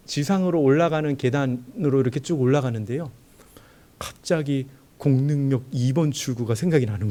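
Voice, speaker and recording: A young man, a junior pastor, preaching in a church and telling his own story, acting out the dialogue as he goes. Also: on the high side. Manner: animated storyteller who acts out dialogue. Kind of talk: sermon with personal testimony.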